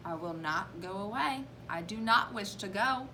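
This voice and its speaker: A woman voicing a boastful, playful male trickster cat in an animated children's storybook read-aloud, eager and coaxing. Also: mid-range voice, normal speed, a little hiss or hum, poor audio. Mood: stubborn, cheerful.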